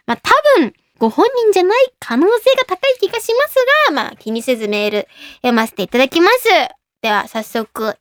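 A young woman hosting a casual radio show, giggly and excitable as she reads listener emails. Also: sits high, dry recording. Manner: giggly, excitable, playful self-mockery. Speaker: radio host.

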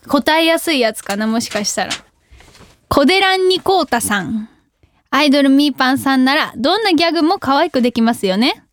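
In a radio studio, a young woman giggles through listener letters, often at her own expense, keeping the talk casual. She has a high voice with lively intonation and a slightly quick pace, and the recording is dry.

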